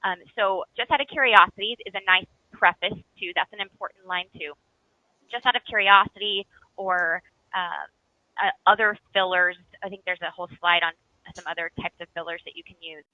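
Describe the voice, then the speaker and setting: A woman's voice: fairly low pitch, steady tone, normal speed, no room sound. A woman teaching real estate prospecting scripts in a chatty coaching manner, often checking in with "right?" and acting out what homeowners might say. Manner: acts out homeowner replies in livelier voice. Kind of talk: recorded training lesson. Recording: dry, phone-like narrow sound.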